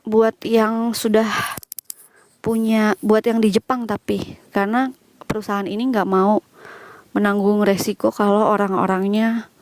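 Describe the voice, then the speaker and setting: A woman's voice: medium pitch, little pitch movement, a little slow, long pauses, darkish tone, dry recording. Chatty Indonesian woman vlogging on a walk. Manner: chatty, reads out and answers live questions. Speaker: vlogger answering viewer questions. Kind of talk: casual chat while walking. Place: outdoors walking through a quiet village.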